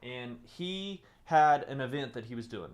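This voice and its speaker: A man teaching a live-streamed lesson, repeating key phrases and moving between loud excited bursts and soft, low delivery. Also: measured pace. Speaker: presenter teaching webinar skills. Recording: roomy echo.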